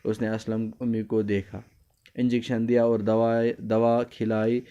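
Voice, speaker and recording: The audio is dull as a man teaches young children a story lesson in a flat, level pitch and a clear, smooth tone. He speaks to them fondly, repeats phrases and lines, explains every new word with care, and shifts briefly into Kashmiri.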